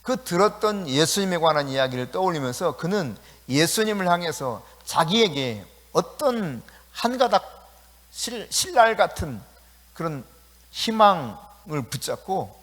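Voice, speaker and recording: A man's voice: a little high, very animated, unhurried, a bit bright. A male pastor preaching an emphatic evening prayer-meeting sermon in a church sanctuary, acting out the scripture quotes. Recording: reverberant church hall.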